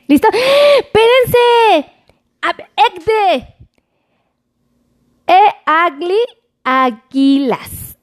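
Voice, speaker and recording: A woman with a Mexican accent hosting a casual health livestream, chatting playfully with viewers and greeting them by name, recorded on her phone. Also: high-pitched. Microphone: phone camera.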